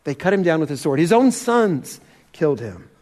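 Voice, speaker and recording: A pastor giving an earnest sermon, slowing down to stress key points and challenging his listeners. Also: on the high side, sing-song, a little mellow, big-room sound. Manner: earnest, challenging, slows for emphasis.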